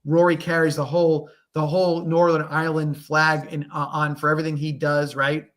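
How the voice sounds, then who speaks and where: Man, sports talk co-host, blunt, emphatic, forceful bright voice, slightly high pitch, podcast mic. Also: flat delivery, fairly quick. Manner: emphatic, blunt, mimics golfers in quoted asides.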